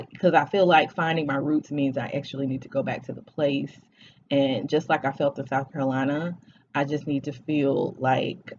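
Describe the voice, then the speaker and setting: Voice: medium pitch, a little mellow, highs cut off, slight background noise. A vlogger in their forties chatting casually to camera, talking hesitantly with many fillers and restarts. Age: 40s.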